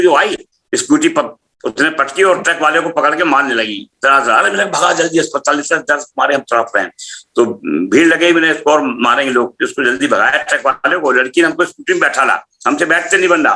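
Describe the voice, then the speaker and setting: A man's voice: a little high, bright, forceful tone. A middle-aged man giving a personal testimony, telling his story animatedly and acting out the dialogue. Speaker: spiritual practitioner telling a testimony.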